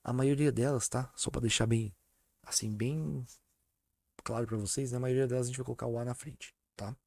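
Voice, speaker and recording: A man's voice: mid-range voice, fairly even intonation, creaky, a little mellow. A man teaching an online exam-prep English lesson, patient and repetitive, often checking that students follow. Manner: repeats and spells out words slowly.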